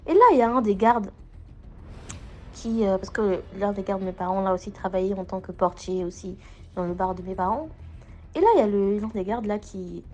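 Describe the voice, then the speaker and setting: A woman's voice: medium pitch, steady tone, fairly quick, slight background noise. Casual young woman recounting a story. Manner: rambling, full of fillers and restarts. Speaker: storyteller sharing a personal experience.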